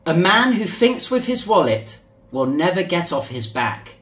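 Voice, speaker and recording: A man's voice: high-pitched, big pitch swings, unhurried, fairly bright tone. A man hosting a podcast with upbeat, casual banter. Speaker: podcast host. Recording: roomy echo, faint music behind.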